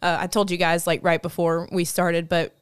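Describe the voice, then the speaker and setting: A woman with a very smooth, clear voice, speaking as a podcast guest. She talks in a hesitant, candid way, her tone fairly flat and a little low. The recording is dry. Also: moderate pace, no room sound. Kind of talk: casual podcast discussion.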